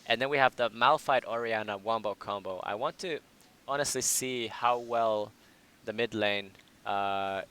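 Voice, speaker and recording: Young man, esports commentary, low voice, forceful and bright. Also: measured pace, hardly any pauses, smooth. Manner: analytical, restarts phrases while thinking aloud. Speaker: esports caster. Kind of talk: live game commentary.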